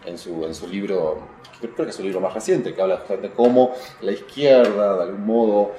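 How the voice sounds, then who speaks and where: Warm and on the low side, a man's voice moves a little fast as he talks, with a Uruguayan accent, in an intellectual literary interview. The writer is reflective and digressive, frequently hunting for the right word, and the room echoes amid noticeable background noise.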